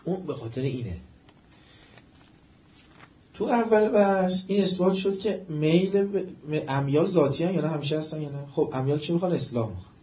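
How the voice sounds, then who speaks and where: A man giving a religious-ethical lecture, asking questions of his listeners and rising to emphatic, drawn-out stresses. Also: a little high, lively intonation, warm tone. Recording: echoey room, dull lo-fi sound.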